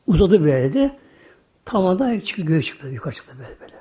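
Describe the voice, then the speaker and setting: An older man, a religious teacher, telling a sermon story in a folksy way, repeating little filler words and often dropping into hushed asides. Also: fairly high pitch, big pitch swings, quick pace.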